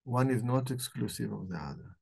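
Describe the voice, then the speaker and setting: A man hosting a live book club, talking about the book and then slowly leading a guided meditation in a soft, calm voice. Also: medium pitch, vocal fry, slightly rough. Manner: slow, soft-spoken guiding voice. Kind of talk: live talk.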